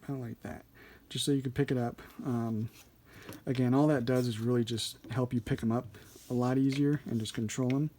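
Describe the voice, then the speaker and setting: Male tutorial host, soft-edged mellow tone, mid-range pitch, informal and thinking aloud. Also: steady tone, brisk, slight background noise. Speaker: card trick instructor. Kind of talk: casual hands-on tutorial.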